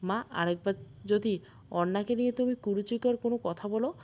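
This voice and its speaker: A stern young husband in a storybook, cold and threatening, read by a woman in her own mid-range voice. He speaks flatly and firmly. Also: mid-range voice, normal speed, close to an everyday voice.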